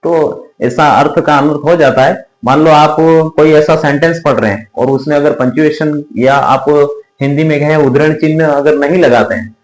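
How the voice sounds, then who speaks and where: A male teacher giving a classroom lecture at a board, explaining slowly, repeating points and asking his students questions. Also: a little high, steady tone, roomy sound, rough recording.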